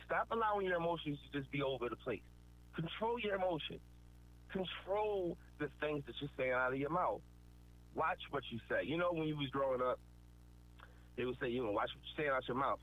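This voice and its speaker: A man with a higher voice and lively intonation speaks fairly quickly, delivering a preachy, earnest motivational talk. He hammers points home by repeating them, over a tinny, phone-like line carrying faint noise.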